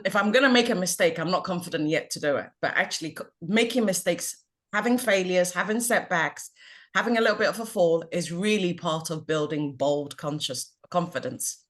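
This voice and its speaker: A Ghanaian confidence coach joins an online panel chat as a guest over video call, speaking earnestly and reflectively. She's upbeat and laughs at herself, with a lowish, fairly bright voice at a moderate pace.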